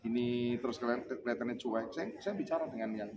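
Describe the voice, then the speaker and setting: A man's voice: medium pitch, a little fast, music in the background. A male business coach gives a motivational talk at a sales meeting. He keeps asking the room "ya kan?" and acts out sales conversations. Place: indoor meeting room with a live audience. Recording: crowd reacting in the room. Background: audience laughter.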